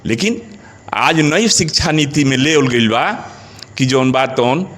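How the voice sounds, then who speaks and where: A middle-aged man with a Bhojpuri accent speaking passionately in an interview, asking rhetorical questions and rising in pitch on his points. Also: animated, slow, fairly bright tone. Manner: emphatic, rhetorical questions, rises in pitch when stressing points.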